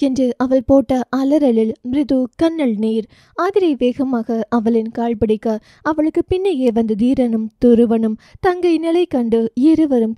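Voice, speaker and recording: A woman's voice: on the high side, warm tone, no room sound, clean studio sound. A woman with a Tamil accent reading a romance audio novel aloud, with emotive storytelling.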